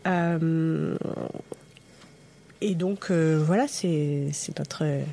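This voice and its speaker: A woman who writes subtitles, answering interview questions hesitantly with many pauses and restarts. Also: low voice, creaky, mellow, slight background noise.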